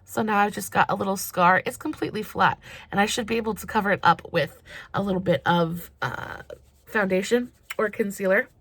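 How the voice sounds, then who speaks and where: A woman about thirty talks her way through a makeup tutorial. She gushes and rambles with easy fillers, at a middle pitch. The sound is dry and close. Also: a little fast, a bit bright, breathy edge, no room sound. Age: 30s. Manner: chatty and gushing, with fillers. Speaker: makeup vlogger.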